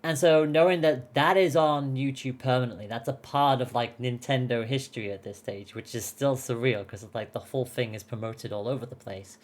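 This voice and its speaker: A woman's voice: very deep voice, fairly quick, hardly any pauses. A woman hosting a casual podcast chat, talking openly and emotionally and laughing often. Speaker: podcast host and esports caster.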